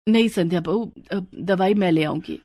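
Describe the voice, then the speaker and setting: A woman's voice: lowish voice, normal speed, warm tone. A woman voicing a fretful older mother-in-law who stammers nervously in a cartoon story. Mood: flustered.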